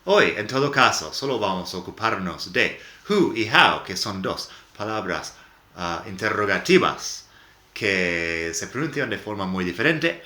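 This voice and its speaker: A man who is a native English speaker, teaching English pronunciation in Spanish in a casual, upbeat video lesson from his sofa at home, slowing down to model the English words. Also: low-pitched, bright, forceful tone. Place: home living room, on a sofa. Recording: echoey room.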